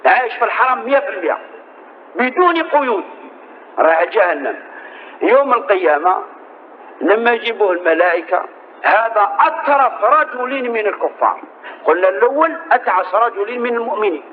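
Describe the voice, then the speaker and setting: A man with an Algerian accent preaches in a very high, urgent voice and moves at a fast clip. His delivery is impassioned, climbing to shouts at the peaks. The recording is tinny and narrow, like a phone line, with a faint hiss underneath. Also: very animated. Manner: impassioned, rising to shouts at climaxes. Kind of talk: religious lesson in colloquial dialect.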